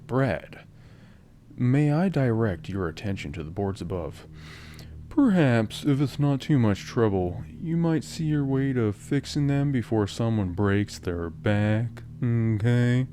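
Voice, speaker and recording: A man's voice: mid-range voice, expressive, slow pace, dark tone, slight background noise, voice pushed up. Man putting on a prissy passive-aggressive scold. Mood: snippy politeness. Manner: overly polite, sarcastic, sing-song.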